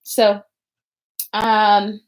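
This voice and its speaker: A young adult woman hosting a podcast in casual chat, rambling with many pauses and restarts. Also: medium pitch, monotone. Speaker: podcast host.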